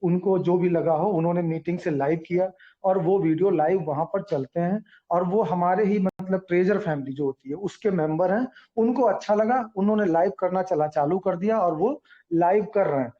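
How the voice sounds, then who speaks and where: Earnest guy talking at a meeting, high mellow voice, dull lo-fi sound. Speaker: speaker addressing a community meeting. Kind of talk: explanatory speech at a meeting.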